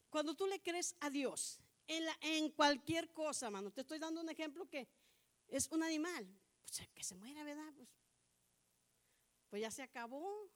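High-voiced lady preacher, keeps saying brother, gets loud and fired up. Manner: addresses listeners as brother again and again, rises to fervent outbursts. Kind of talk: sermon.

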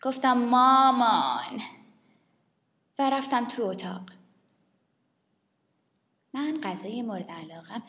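A woman with a high, light voice reads a children's story aloud. She is lively and lends each character a voice of its own. The recording carries a long, roomy reverb, with faint music underneath. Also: long pauses. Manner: lively, shifts her voice for the characters. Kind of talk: expressive reading of a children's story.

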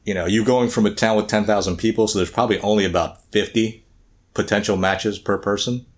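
A man's voice: on the low side, steady tone, fairly quick. A middle-aged man from the American South and Midwest, co-hosting a podcast in casual, rambling, self-deprecating chat. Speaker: podcast co-host.

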